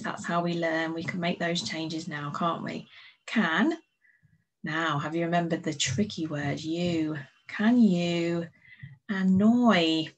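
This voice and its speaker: An English woman, a primary school teacher, slowly sounding out letters and words in a recorded phonics lesson, giving patient, encouraging instructions to young children. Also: on the low side, slightly rough, rough recording. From England.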